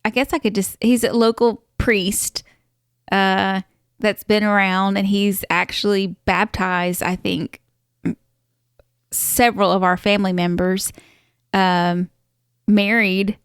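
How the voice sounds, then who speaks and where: A woman's voice: medium pitch, level tone, takes it slowly, pauses often, smooth, no echo, studio quality. A woman co-hosting a casual podcast, telling stories in a hesitant, giggly way. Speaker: podcast co-host. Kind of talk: casual chat.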